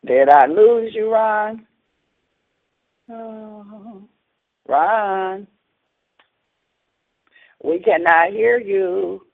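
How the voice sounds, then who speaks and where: A man co-hosting a radio talk show, asking slow, probing questions to his guest. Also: high voice, vocal fry, dry recording. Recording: tinny phone-like audio.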